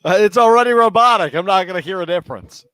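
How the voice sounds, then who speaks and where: A man's voice: high-pitched, fast talker, bright, forceful tone. A man co-hosting a casual live draft stream over a remote call, teasing the others and making the graphics. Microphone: remote call mic.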